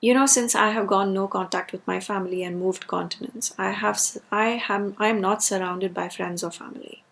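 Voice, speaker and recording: A video creator delivers a personal rant, emphatic and repeating key words for stress. Her ordinary mid-range voice has a strongly creaky, fried edge and a steady, slightly bright tone, at a moderate pace with few pauses.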